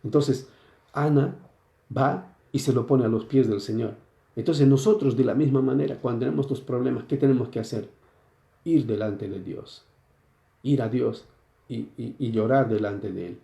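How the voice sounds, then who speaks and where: A pastor delivers a sermon in a very dark, mellow voice with a gravelly edge. He keeps turning to his listeners with rhetorical questions as he works through scripture. The sound carries the echo of a church room. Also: medium pitch, moderate pace. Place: church sanctuary.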